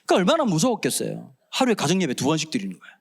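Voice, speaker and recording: A man's voice: on the high side, rapid-fire, slightly rough. A man in his forties with a Busan accent, preaching a humorous sermon in church, acting out quoted voices as he tells stories. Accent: Gyeongsang (Busan). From Busan, South Korea. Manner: animated storytelling, acts out quoted voices, jokes. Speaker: pastor. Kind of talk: humorous sermon at a prayer meeting. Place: church sanctuary.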